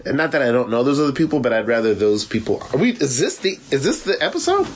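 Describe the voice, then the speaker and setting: A man's voice: mid-range voice, very animated, quick pace, a little hiss or hum. A man from Florida with a mid-range voice, talking casually with a friend. His speech is slangy and sweary, circling back to restate things as he tells his stories. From Florida, United States. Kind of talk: casual chat, anecdotes. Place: remote call from New York City.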